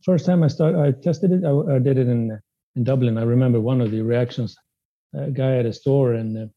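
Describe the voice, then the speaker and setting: A man guesting on a casual interview, a native Spanish speaker from a Spanish-speaking country who grew up in Sweden, answers hesitantly with many fillers and restarts. His mid-range voice moves fairly quickly, and the recording sounds muffled.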